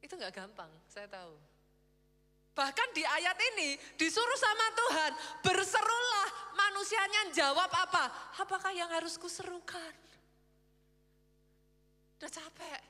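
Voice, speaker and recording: A woman pastor preaching a lively sermon in a church, acting out quoted voices as she goes. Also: extremely high pitch, normal speed, big-room sound. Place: church hall.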